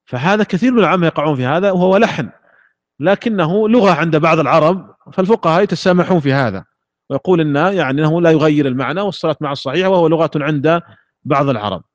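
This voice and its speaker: Guy teaching a religious lesson, slow and explaining, voice a bit high, kinda dull dry recording. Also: no echo. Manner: measured, explanatory, demonstrates recitation examples. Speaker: Islamic jurisprudence teacher.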